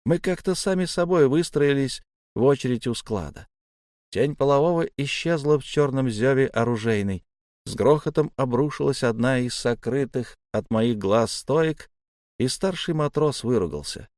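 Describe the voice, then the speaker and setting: A man narrating a fantasy novel in the first person, with a measured, steady reading. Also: mid-range voice, no echo, clean studio sound. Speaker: audiobook narrator.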